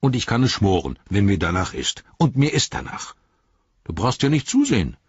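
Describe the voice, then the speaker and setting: A sturdy hobbit servant, as a male audiobook reader plays him, deep and husky, speaking bluntly and grumbling. The dry, dull recording sits close and lo-fi. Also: very animated, moderate pace, no echo. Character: stout-hearted gruff male hobbit servant. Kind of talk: audiobook character voice.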